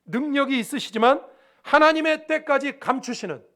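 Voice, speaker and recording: A man's voice: very high voice, normal speed, a bit bright. A male pastor preaching a sermon emphatically, often asking the congregation rhetorical questions.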